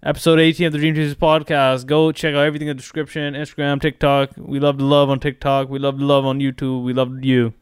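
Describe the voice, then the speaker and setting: A man's voice: medium pitch, flat delivery, fast talker, hardly any pauses, smooth, no echo, clean studio sound. A man in his twenties co-hosting a podcast, bantering casually like a frat bro with slang and swearing. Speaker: podcast co-host.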